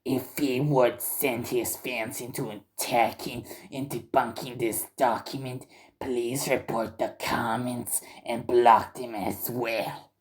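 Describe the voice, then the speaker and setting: A man's voice: medium pitch, fairly even intonation, slow pace, lightly acted. Man putting on a whispery mocking woman. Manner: breathy half-whisper, stumbling reading. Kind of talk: mocking voice impression.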